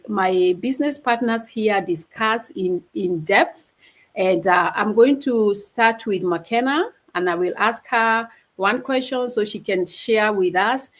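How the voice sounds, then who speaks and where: A woman's voice: medium pitch, slightly rough, rough recording. A woman from Kenya hosting a casual livestream over a video call, talking earnestly and often restarting her phrases. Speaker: host of a livestream.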